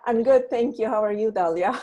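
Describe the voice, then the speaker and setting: A Turkish woman, whose native language is Turkish, hosts an online meetup over video call in a friendly but hesitant way. Her voice is fairly high, dark in tone, and brisk, with slight background noise in this casual chat.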